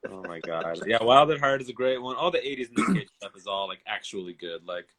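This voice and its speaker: A man's voice: fairly low pitch, sing-song, a little fast, a bit bright. A man in his thirties chatting on a live stream as a guest, rambling and enthusiastic with casual swearing. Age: 30s.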